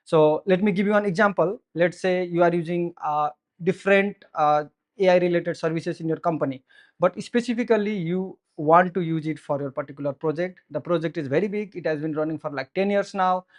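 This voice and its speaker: A man's voice: high-pitched, brisk. Nepali-accented man giving a tech talk. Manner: earnest, explanatory, frequent "so" and "uh" fillers. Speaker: software engineer giving a meetup talk. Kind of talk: conference tech presentation. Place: meetup room with audience, indoors. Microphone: handheld microphone.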